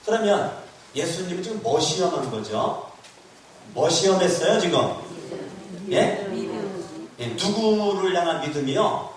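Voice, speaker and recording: A man's voice: high voice, sing-song, unhurried, pauses often, crowd noise. A man pastor preaching a sermon with emphatic repetition and rhetorical questions thrown to the congregation. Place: church hall. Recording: echoey hall recorded from a distance.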